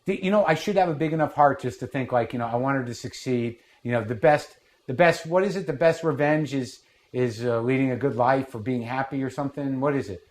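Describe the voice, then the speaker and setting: A man's voice: mid-range voice, brisk. A man hosting a casual cooking demonstration, talking bluntly with rambling, profane asides. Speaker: cooking show host. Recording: faint noise, sizzling pan.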